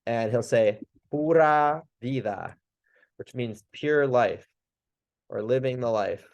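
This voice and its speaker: Man, chiropractor, casual lesson, chatty, acts out phrases, mid-pitched voice. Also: measured pace, highs cut off. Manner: chatty, laughs often, demonstrates phrases with lively pitch. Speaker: chiropractor teaching Spanish phrases. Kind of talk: casual instructional talk. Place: works with patients in the US Midwest.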